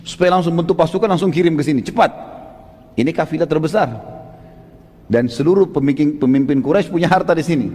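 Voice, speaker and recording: A man preacher telling a religious story as a vivid storyteller, often rising into loud exclamations and addressing listeners as friends. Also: fairly high pitch, fast, in a large hall, a little hiss or hum. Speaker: Islamic preacher.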